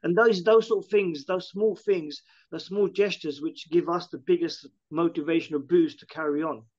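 A man's voice: on the high side, fairly even intonation, normal speed, a little mellow, lo-fi sound. A man who owns a catering business, talking casually in an interview and retelling what his customers said. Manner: chatty, restarts often, retells customer quotes.

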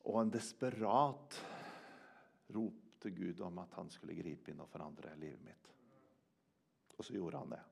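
Older man, preaching, earnest, gravelly. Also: deep voice, animated. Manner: earnest, swings from loud emphasis to hushed quiet. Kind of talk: sermon with personal testimony.

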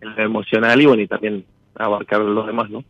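A man's voice: lowish voice, little pitch movement, fast talker, fairly bright tone, no echo, muffled recording. A man speaking hesitantly and in a roundabout way as a caller in a personal consultation. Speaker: caller seeking a tarot consultation.

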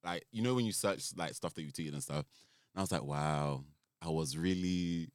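A man chatting casually about films, halting and trailing off with many fillers. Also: sits low, animated, dry recording, studio quality. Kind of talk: casual chat.

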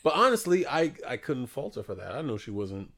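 A young man with a gravelly, creaky voice and a middling pitch, co-hosting a podcast. He talks in a blunt, profane, joking way and gives his opinions in loose casual chat. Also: very animated, a little fast, fairly bright tone. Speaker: podcast co-host.

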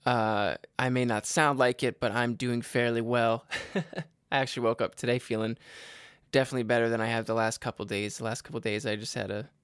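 A man hosting his own podcast, tired and unwell, talking in a low-energy, rambling way with lots of fillers and restarts. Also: steady tone, a little fast, a bit bright, clear, resonant tone, no room sound, studio quality. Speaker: podcast host. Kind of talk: casual solo podcast update.

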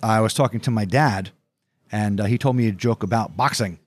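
A man's voice: lowish voice, a little fast, husky, no echo. A man telling one-liner dad jokes as the host, setting each one up and then delivering the punchline.

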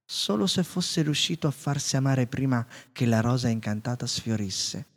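A man narrating a storybook in a calm, measured way. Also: mid-range voice. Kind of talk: storybook reading. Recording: reverberant room.

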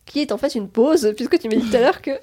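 A woman hosting a podcast interview, chatty and quick to laugh, with plenty of fillers. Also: on the high side, warm tone, husky. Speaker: podcast host. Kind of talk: casual interview.

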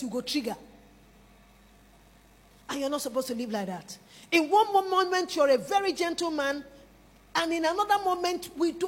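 Her high, bright-pitched voice echoes with a long reverb across a large hall as she delivers a sermon. Emphatically driving her points home, the woman asks the congregation to raise their hands and repeat her words.

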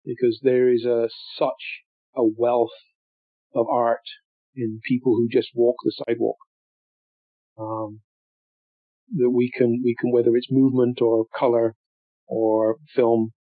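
A man's voice: mid-range voice, little pitch movement, unhurried, long pauses, dry recording. Older man, reflective storyteller, hesitant and meandering; phone-like audio. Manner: rambling, thoughtful, many ums and restarts. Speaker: interviewee.

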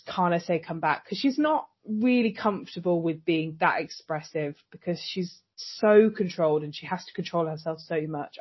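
A woman podcast co-host with a medium-pitched, slightly rough voice chats casually recapping a TV episode. She is animated and acts out quoted lines from it, and the recording has a dull lo-fi sound.

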